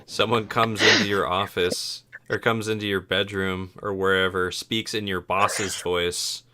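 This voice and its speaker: A man's voice: sits low, little pitch movement, a little slow, pushed and bright. A man acting as game master, casually narrating and improvising a tabletop role-playing game.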